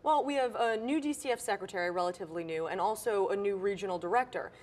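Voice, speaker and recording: A woman's voice: medium pitch, fast talker, darkish tone. A woman news reporter in a studio debrief, talking earnestly and explaining what she saw on a ride-along.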